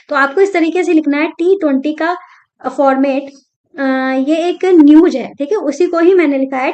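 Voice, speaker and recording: A young woman with a high voice teaches a school lesson, going through the textbook step by step. She explains patiently and repeats her points, with frequent "theek hai" checks. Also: darkish tone.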